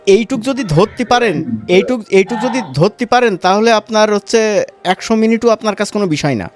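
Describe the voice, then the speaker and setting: A high-voiced man with a Bangladeshi Bengali accent, talking his class through each step in a relaxed, chatty way. Soft music plays underneath. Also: a little fast. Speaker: animation course instructor. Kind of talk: live online class demonstration.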